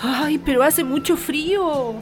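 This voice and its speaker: A woman's voice: sits high, slow, over music. A woman playing a curious, timid young girl in an audio drama, exclaiming and sighing in a wide-eyed manner. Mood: anxious, pleading.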